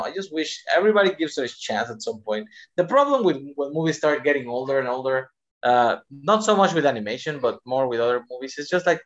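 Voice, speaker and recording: A man's voice: medium pitch, dull audio. A man talking enthusiastically about films as a podcast guest in casual conversation, often restarting his sentences. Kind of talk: casual film discussion.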